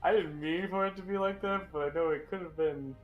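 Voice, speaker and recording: Halting, higher-voiced young man. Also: fairly even intonation, dull audio, over music. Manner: hesitant, apologetic, halting. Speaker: tabletop game player. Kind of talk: casual chat.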